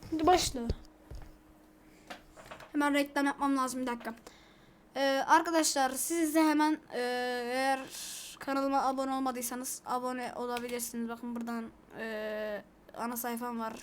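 A woman with a high, light voice chatting casually over her own mobile gameplay as a YouTuber. She is excitable and, when things go wrong, spirals into frantic repeated complaints, with a faint hiss behind her. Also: normal speed. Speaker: gaming YouTuber.

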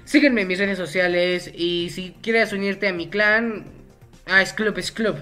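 A man's voice: sits high, a little slow, bright, forceful tone, soft background music. A young man, a gaming YouTuber, giving casual gameplay commentary in a jokey, rambling way and getting easily frustrated.

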